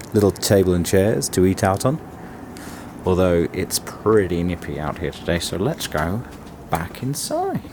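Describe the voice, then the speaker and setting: A man's voice: low-pitched, darkish tone, a little hiss or hum. A young man giving a chatty, wry walkthrough for a travel vlog. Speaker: travel vlogger. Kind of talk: casual walkthrough to camera.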